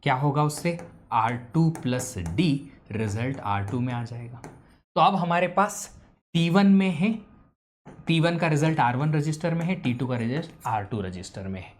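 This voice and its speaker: सवाल पूछता हुआ ऑनलाइन शिक्षक. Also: male voice, mid-range voice, lively intonation, measured pace, a little hiss or hum. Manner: quizzes students, mixes English into Hindi. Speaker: teacher. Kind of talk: live online lecture.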